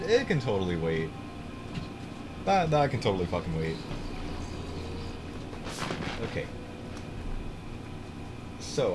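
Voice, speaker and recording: This gaming livestreamer is a young American man with a fairly low voice, chatting casually as he plays. He meanders, swears, and restarts sentences, with background noise audible.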